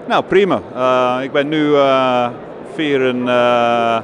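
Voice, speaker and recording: A man in his forties speaks slowly and haltingly with a clear English accent, as a native English speaker searching for words in a second language. He is being interviewed as a company director, with a busy exhibition hall clearly audible behind him. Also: mid-range voice, steady tone, background noise. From London, England. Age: 40s. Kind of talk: on-camera trade fair interview. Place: busy indoor trade fair stand. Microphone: handheld interview microphone close below chin.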